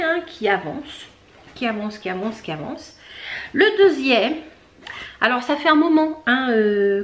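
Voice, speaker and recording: A woman hosting a knitting video podcast from home, chatting casually with many fillers, pausing to search for words and things. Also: fairly high pitch. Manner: chatty, talks straight to viewers. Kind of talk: casual show-and-tell chat.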